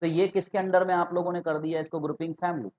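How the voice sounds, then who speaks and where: A man gives an online exam-prep lesson in a fairly high voice, stopping often to ask his students whether they follow. He repeats key terms and builds each point slowly. The recording sounds slightly dull and lo-fi. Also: level tone, darkish tone. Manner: explanatory, repeats key terms, asks the class questions. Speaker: English teacher for exam prep. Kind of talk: online exam-prep lecture mixing Hindi and English terms.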